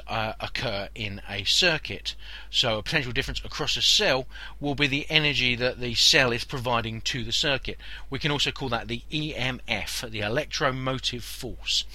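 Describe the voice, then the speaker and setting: A man's voice: medium pitch, pushed and bright, no room sound. A man giving an informal physics lesson as a podcast teacher, conversational and repeating key points for emphasis. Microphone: body-worn mic near the shirt.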